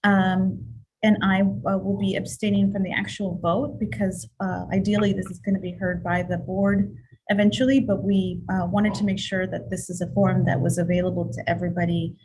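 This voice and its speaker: A woman chairing a meeting on a video call, informal and hesitant, pausing often. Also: medium pitch, little pitch movement, a little mellow, slightly rough, low-quality recording. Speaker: committee chair.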